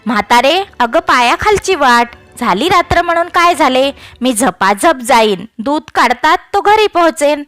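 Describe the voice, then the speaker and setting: A woman's voice: sits high, expressive, measured pace, hardly any pauses, a bit bright, no echo, soft background music. A woman voicing a fearless, stubborn middle-aged village landlord who brushes off warnings and pleads when cornered. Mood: dismissive.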